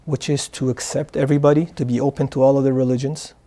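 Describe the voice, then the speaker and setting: A man's voice: medium pitch, flat delivery, fast, mellow. A man from Morocco, a guest answering interview questions in an earnest way, often repeating words as he starts sentences. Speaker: guest, charity founder. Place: studio.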